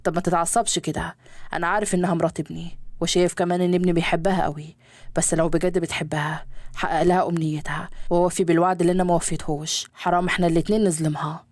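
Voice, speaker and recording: A woman's voice: fairly low pitch, level tone, rapid-fire, darkish tone, no echo, voice pushed down, lightly acted. Woman reading as a remorseful rich father. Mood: teasing. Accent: Egyptian Arabic. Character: wealthy middle-aged father, remorseful and tender.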